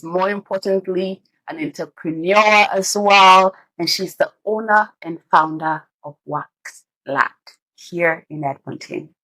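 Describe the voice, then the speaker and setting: Her voice is lowish and a bit bright, captured in a dry, low-quality recording. She's a podcast host from Sierra Leone, working out of an Edmonton, Canada studio and bantering expressively with her guest, with frequent laughter.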